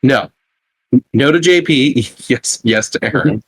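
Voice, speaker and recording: A man's voice: mid-range voice, takes it slowly, fairly bright tone, husky. A man chatting casually as a tabletop game player, laughing along and explaining things plainly. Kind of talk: casual chat between players.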